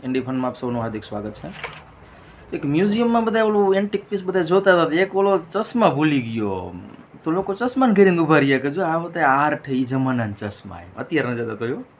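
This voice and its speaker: A man's voice: a little high, big pitch swings, fast talker, slight background noise. Chatty man telling jokes. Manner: chatty storyteller, switches voices for punchlines. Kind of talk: casual joke-telling monologue.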